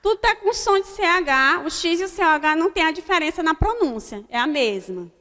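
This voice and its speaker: A Brazilian woman teaching grammar to young pupils in a high, bright voice. She pronounces example words slowly and deliberately, checking in often with the class. Her voice trails in a long, echoing hall. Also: lively intonation. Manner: slow, deliberate word-by-word dictation with frequent "né?" checks. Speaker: primary school teacher. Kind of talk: recorded online grammar lesson.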